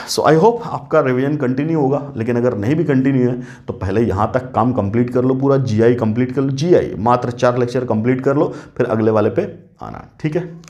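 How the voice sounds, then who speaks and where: A man's voice: medium pitch, darkish tone. A man teaching chemistry at a board. He asks questions, answers them himself, calls his students "beta" and mixes English phrases into his talk. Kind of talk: board lecture.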